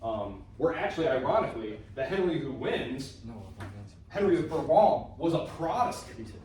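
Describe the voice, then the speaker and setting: A man's voice: a little high, big pitch swings, moderate pace, a little mellow, a little hiss or hum. A man giving a casual classroom lecture on history, chatty and informal, full of fillers and asides. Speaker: history instructor. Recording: very echoey room recorded from a distance.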